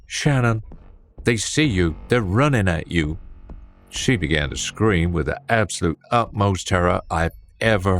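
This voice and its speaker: A man narrating a horror story with a tense, dramatic reading. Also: low voice. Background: faint music.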